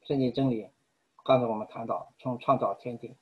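Male preacher, husky, earnest and measured sermon delivery, dull lo-fi recording. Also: medium pitch, steady tone. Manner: earnest, measured, with frequent pauses.

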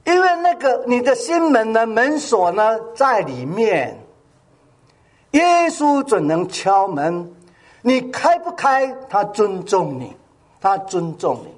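A man's voice: high voice, takes it slowly. An older male pastor preaching a sermon, asking his congregation questions and drawing answers back from them. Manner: call-and-response with the congregation, animated.

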